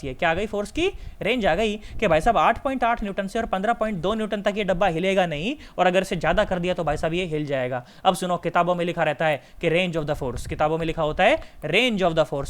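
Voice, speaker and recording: A physics teacher, a man with a high voice, talks to his students in a familiar and emphatic way. He repeats every key point several times so they take it in. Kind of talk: lecture to students.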